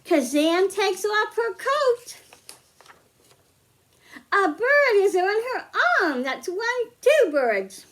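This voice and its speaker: A children's librarian hosts storytime with a craft demonstration, talking to young kids in simple, encouraging terms. Her extremely high voice is sing-song and a bit bright, and she speaks very slowly with frequent pauses, adding sing-song emphasis as she reads and explains.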